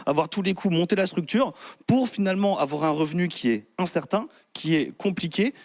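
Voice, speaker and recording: A man's voice: sits high, animated, brisk, a little mellow. A man speaking emphatically and critically in a discussion of the esports scene.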